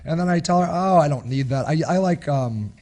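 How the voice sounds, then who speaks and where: Animated and fairly quick, with a slightly high voice and darkish tone, the middle-aged man leads his live webinar despite a cold that leaves him raspy and husky. Sitting in a small home office before a close studio microphone, he rambles, restarts repeatedly, chuckles, and talks with his hands.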